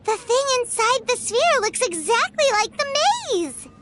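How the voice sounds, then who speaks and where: A woman voicing Paimon, a tiny excitable female fairy companion in a game. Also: very high-pitched, measured pace, faint music behind, full character voice. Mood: awed. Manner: excitable, wide-eyed.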